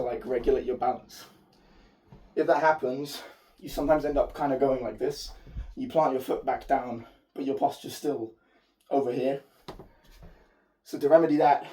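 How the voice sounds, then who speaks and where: Standing some way from the microphone, a man demonstrates martial arts moves and talks through the technique in a relaxed, explanatory style with the odd curse. His medium-pitched voice is mellow but hoarse and fading, worn down by a fever.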